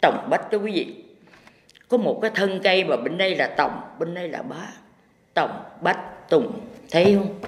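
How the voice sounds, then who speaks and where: A man's voice: high-pitched, expressive, moderate pace, slight background noise. A man, a Buddhist teacher giving a folksy, rambling impromptu sermon. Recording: echoey hall with long reverb.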